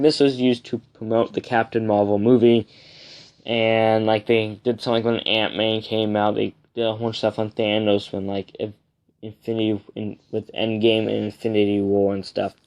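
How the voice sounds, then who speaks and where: A young man giving a casual, rambling review vlog, with a speech impediment that turns r into w and softens l. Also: lowish voice. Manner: halting, rambling, repeats and restarts phrases. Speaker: comic book reviewer.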